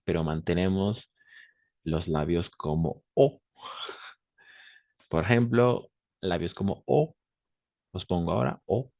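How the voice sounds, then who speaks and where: Low voiced guy teaching french, super slow and patient, dry close sound, spanish speaker. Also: darkish tone, no room sound, highs cut off. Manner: patient, repeats words slowly and checks with "d'accord?". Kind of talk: online language lesson.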